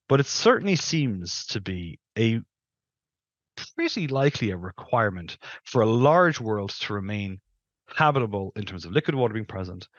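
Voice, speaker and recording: Speaking into a headset over a video call, a middle-aged planetary scientist appears as an interview guest and offers careful, qualified explanations. His pitch is medium, and the recording is muffled with no room sound.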